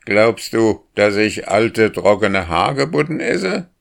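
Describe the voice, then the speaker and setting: A man's voice: fairly low pitch, takes it slowly, voice pushed up. A man voicing a proud male crow chieftain who speaks with scorn and tells a tale in a storybook. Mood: scornful, reminiscing.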